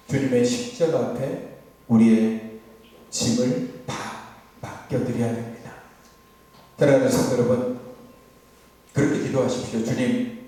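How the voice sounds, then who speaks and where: A man's voice: sits high, a little mellow. A man preaching a Sunday sermon as pastor, asking the congregation rhetorical questions. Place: church sanctuary. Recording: echoey church hall from far off.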